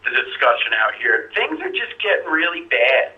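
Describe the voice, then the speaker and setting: A man heard over a landline phone, calling in with earnest complaints in casual chat. His voice sits at a middling pitch. It comes through dull and far from the mouthpiece, with a roomy echo around it. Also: huge pitch swings, normal speed. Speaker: caller.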